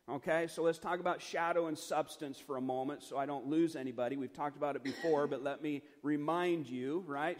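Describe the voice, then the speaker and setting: Man, middle-aged, Bible study teacher, earnest, casual, frequent fillers, long hall reverb. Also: a little high. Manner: earnest, conversational, many fillers and restarts. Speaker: pastor.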